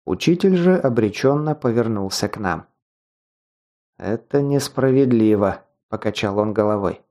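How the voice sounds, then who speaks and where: A man narrating a fantasy audiobook in a steady, measured storytelling manner. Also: on the low side. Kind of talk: scripted narration.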